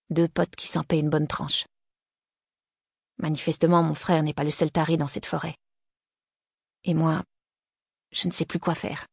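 A woman reads a first-person novel aloud in a low, gravelly voice with a husky edge. Her storytelling is tense and breathless, and the recording is dry and close. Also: a little mellow, no echo. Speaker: audiobook narrator.

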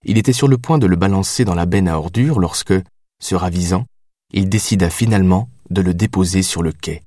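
A man narrating an audiobook in a measured, steady reading. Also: sits low, no echo, clean studio sound.

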